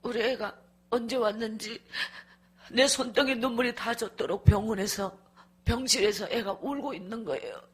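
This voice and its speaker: A woman's voice: a little high, normal speed, husky. A middle-aged woman evangelist gives a revival sermon testimony and tells her story with strong emotion. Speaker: evangelist preaching at a revival meeting.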